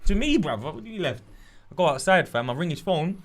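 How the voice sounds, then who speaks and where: A man's voice: on the high side, big pitch swings. A man hosting a podcast, telling anecdotes in casual street slang. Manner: fast, slangy, tells anecdotes. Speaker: podcast host.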